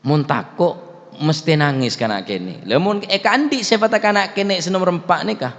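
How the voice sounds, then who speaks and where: A man giving a sermon on a religious text, mixing Madurese and Javanese words into Indonesian and reciting Arabic verses, swinging between loud high exclamations and quiet low asides. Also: expressive, moderate pace. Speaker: preacher teaching a religious text. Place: prayer room. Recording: dull livestream audio with long reverb.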